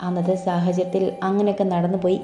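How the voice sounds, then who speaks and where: A woman voicing a fearful young wife who speaks softly. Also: lowish voice, flat delivery, fast, natural voice. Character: frightened, timid young wife. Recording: echoey room, soft music behind.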